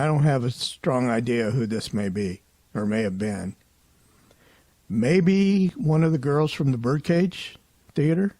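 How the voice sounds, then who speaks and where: In a mid-range voice with no room sound, a male paranormal show host delivers an easygoing voice-over recap. He keeps it conversational and tends to hedge what he thinks.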